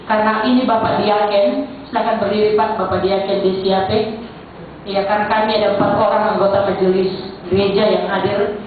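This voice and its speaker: The recording, made with a distant mic in an echoey church hall, sounds phone-like with faint noise. In it, a middle-aged woman from Central Sulawesi, Indonesia, chair of a church council, gives a conversational testimony, addressing the congregation directly in a Sulawesi Indonesian accent. Her mid-range voice is fairly even in intonation and a little fast.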